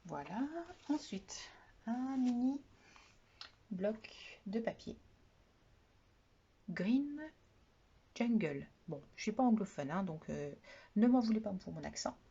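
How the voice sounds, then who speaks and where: Chatty craft vlogger, woman, mid-pitched, soft-spoken, lo-fi recording with a faint hiss. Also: animated, unhurried, vocal fry, breathy edge. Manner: soft-spoken, often trails off quietly; chatty, repeats "voilà" often. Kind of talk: product haul demonstration. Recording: dull lo-fi sound with faint noise.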